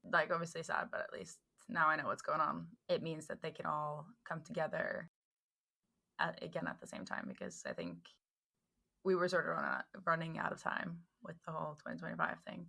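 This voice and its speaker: A woman in her thirties hosting a podcast in casual chat, thinking aloud with relaxed fillers. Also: sits low, fairly quick, vocal fry. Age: 30s. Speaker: podcast host.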